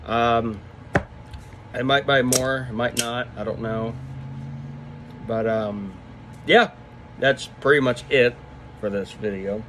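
Young man, 20s, laid-back off-the-cuff reviewer, mouth packed with dip, average pitch, noisy room hum behind. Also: steady tone, slow pace, long pauses. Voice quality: talking with a lip full of dip. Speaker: product reviewer. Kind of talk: casual vlog review, off the cuff. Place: small room indoors. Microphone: phone at arm's length.

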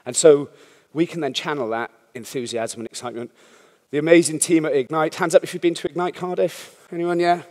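He talks fairly quickly with few pauses, his voice on the high side and a little mellow. A startup founder, he's rambling through a candid conference talk, swearing casually and often asking the audience "yeah?". The recording has long conference-hall reverb.

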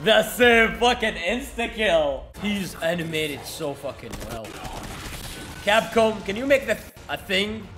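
A young man streaming a video game, reacting loudly with laughter, constant swearing and excited shouts. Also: sits high, slow, music in the background. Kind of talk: live gameplay reactions.

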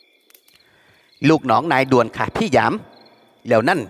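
A man voicing a gentle young woman. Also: medium pitch, lively intonation, slow pace. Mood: urgent. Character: gentle pleading young woman bar owner. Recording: long reverb.

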